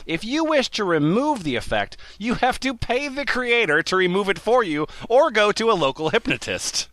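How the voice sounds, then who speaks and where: Guy hosting a comedy podcast, highish bright voice, wry and stop-start. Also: big pitch swings, moderate pace, dry recording. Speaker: podcast host. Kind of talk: comic podcast banter and mock-earnest reading.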